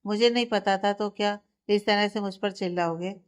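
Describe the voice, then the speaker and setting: A woman's voice: medium pitch, steady tone, normal speed, natural voice. Woman doing an indignant young wife. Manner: defiant, indignant. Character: young wife and mother, defensive, proud.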